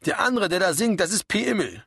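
A man voicing a brash, cheeky young woman who shouts in a storybook reading. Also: sits high, expressive, quick pace, gravelly, husky, no echo, clean studio sound, pitched above the performer's own voice, exaggerated voice. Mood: brash shouting.

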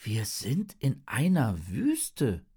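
A storyteller voicing a brave young schoolgirl who talks in a soft, earnest way. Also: mid-range voice, huge pitch swings, drawn-out words, husky, full character voice.

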